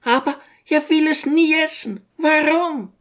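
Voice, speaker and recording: A man voicing a shrill, fretful old mother. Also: measured pace, a bit bright. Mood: fretting. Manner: pleading, fretful, high-pitched. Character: fussy, pious, tearful old mother. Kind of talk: audiobook character voice.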